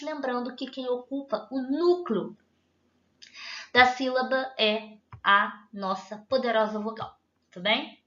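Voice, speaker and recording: A woman with a Brazilian Portuguese accent teaches a grammar lesson, patiently and often checking that listeners are following. Her voice is high and sharp, and the recording sounds dull, lo-fi and echoey.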